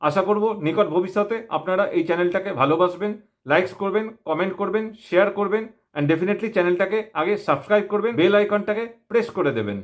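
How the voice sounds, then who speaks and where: A man's voice: sits high, fast talker. A man with a West Bengal Bengali accent introducing himself to viewers as a channel host, speaking through a face mask. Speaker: YouTube opinion channel host. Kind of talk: self-introduction talk to viewers.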